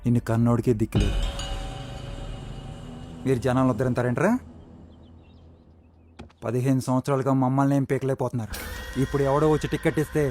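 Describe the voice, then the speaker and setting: A man's voice: mid-range voice, little pitch movement, fairly quick, long pauses, natural voice. An actor playing a scornful man who taunts and insults his rivals in a film drama. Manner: mocking, insulting, shouting. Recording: film dialogue over music score.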